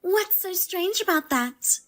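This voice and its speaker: A woman voicing a pushy, scornful sister-in-law who talks in a sharp, demanding and insulting way. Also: very high-pitched, animated, slow, pitched above the performer's own voice, exaggerated voice.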